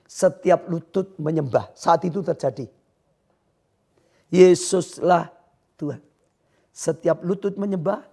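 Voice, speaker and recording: Fervent high-voiced preacher. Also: male voice, gravelly, husky. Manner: preaches fervently, shouting high then dropping to quiet. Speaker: pastor. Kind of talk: livestreamed sermon.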